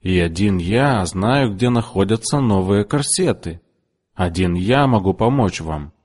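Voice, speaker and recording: Brief: man doing a proud, courteous clerk, low steady voice, reverberant room. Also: unhurried. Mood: calm. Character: tall proud male shop clerk, courteous.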